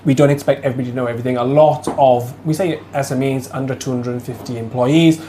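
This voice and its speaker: An excitable host speaks with a South Wales Valleys accent at a middling pitch. The style is casual and effusive, an on-location interview indoors with faint room ambience. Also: fast, slight background noise. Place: indoors in a converted bunker.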